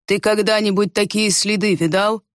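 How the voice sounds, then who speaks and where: A woman voicing a calm, grave male guard who speaks in a measured, thoughtful way. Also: mid-range voice, no room sound, studio quality, lightly acted.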